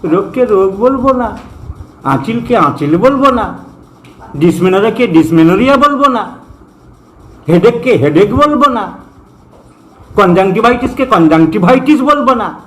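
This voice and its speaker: A man's voice: sits high, lively intonation, moderate pace, long pauses. Emphatic man lecturing in a roomy space. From India. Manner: emphatic, scolding, repeats phrases for stress; mixes English terms into speech. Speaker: homeopathic doctor teaching.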